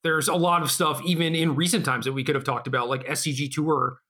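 Bright, higher-voiced male podcast host. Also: fairly even intonation, fast. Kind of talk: casual podcast chat.

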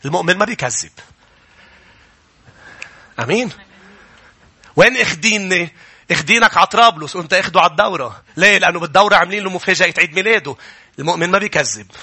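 Fast, bright-voiced Lebanese pastor preaching. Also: male voice, high voice, breathy edge. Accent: Lebanese Arabic. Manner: animated preaching, quoting scripture, asking the congregation questions; rises to loud urgent preaching. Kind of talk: sermon. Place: church before a congregation.

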